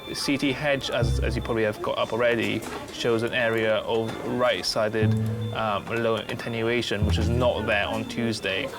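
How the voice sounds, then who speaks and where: A male doctor explaining scan results to a family in a measured, clinical way with a few hesitations. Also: lowish voice, fairly even intonation, loud music behind the voice.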